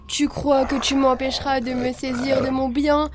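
A woman's voice: high voice, level tone, moderate pace, heavy background noise, natural voice. A growling forest spirit panther, acted by a woman. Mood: menacing. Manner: growling, possessive threats.

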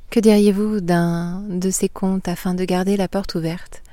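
Woman presenter, scripted narration, inviting, mellow dark tone, lowish voice. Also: flat delivery, measured pace.

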